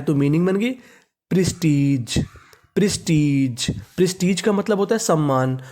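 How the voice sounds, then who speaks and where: Guy teaching english words, spells them out, keeps asking what do we read, kinda high voice. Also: darkish tone. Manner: repeats each word and asks "what do we read?".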